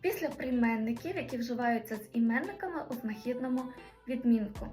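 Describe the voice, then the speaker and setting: A woman teaching a language lesson, explaining grammar and slowly spelling out example sentences. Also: on the high side, lively intonation, a little mellow, reverberant, recorded from a distance, soft background music. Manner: slow, careful spelling-out of Greek examples.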